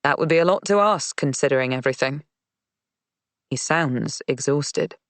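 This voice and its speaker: Measured male audiobook narrator, dry sound. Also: mid-range voice, fairly bright tone, dry recording. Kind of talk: scripted narration.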